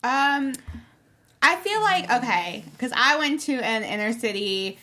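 A woman panelist in a casual chat, telling stories in a chatty, animated way. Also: on the high side, a little slow.

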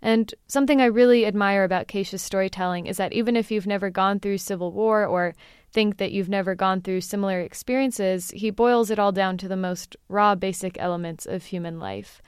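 Woman hosting a podcast, smooth voice, dry sound, chatty with lots of ums. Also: medium pitch, no echo. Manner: chatty, friendly, frequent fillers. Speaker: podcast host. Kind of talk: podcast intro and phone interview.

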